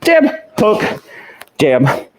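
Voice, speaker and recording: A man's voice: high-pitched, wildly swooping pitch, extremely slow, a little hiss or hum. A man coaching a boxing workout, calling short punch combinations in rhythm with effort in his voice as he hits a punching bag. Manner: exerting himself, with grunts and puffed exclamations.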